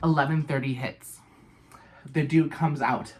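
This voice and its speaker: A young woman casually telling an animated, profanity-laced storytime about a bad night, full of fillers and dramatic asides. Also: deep voice, measured pace.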